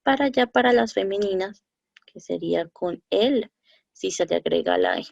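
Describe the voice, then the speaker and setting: Brief: woman French teacher, gravelly edge, starts and restarts, dull dry lo-fi recording. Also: mid-range voice, expressive, a little mellow, dry recording. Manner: halting, many fillers and self-corrections. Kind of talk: recorded lesson over slides.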